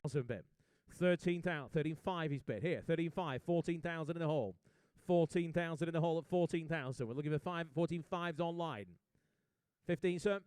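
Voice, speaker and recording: A man working as an auctioneer, calling bids in a sale room with brisk, jokey patter. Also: fairly high pitch, darkish tone, smooth, no echo.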